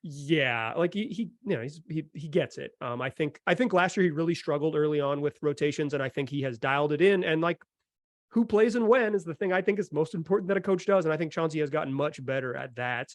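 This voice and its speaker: A sports podcast host talks casual analysis close to the mic, with a slightly high voice and a fast delivery without echo. He speaks informally and repeats phrases for emphasis.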